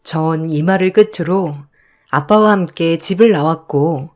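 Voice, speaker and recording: Slow-speaking woman telling her story. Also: low-pitched, soft background music. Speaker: narrator. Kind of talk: scripted storytelling narration.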